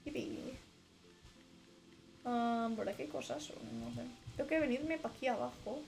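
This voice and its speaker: Young streamer, high bright voice, reads game text aloud, chatty asides, desk mic. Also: female voice, wildly swooping pitch, measured pace, soft background music. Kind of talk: casual gameplay commentary.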